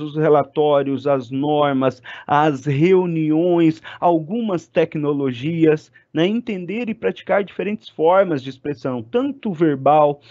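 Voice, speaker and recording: A man giving an online class lecture, talking fast and animated and getting loud when excited. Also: fairly high pitch, dry recording. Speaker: university lecturer. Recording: dry, slightly muffled sound.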